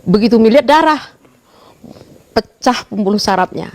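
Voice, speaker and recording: A middle-aged woman, retelling a family story in an interview, swinging between soft murmurs and sudden loud exclamations. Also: a little high, animated, normal speed. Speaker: interviewed mother. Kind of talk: emotional personal storytelling.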